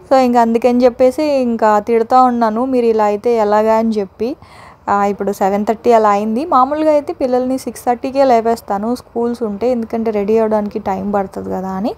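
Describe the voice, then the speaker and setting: A woman's voice: a little high, a little mellow. Chatty Telugu woman narrating cooking. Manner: chatty, explaining step by step. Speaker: vlogger. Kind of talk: voice-over cooking vlog narration.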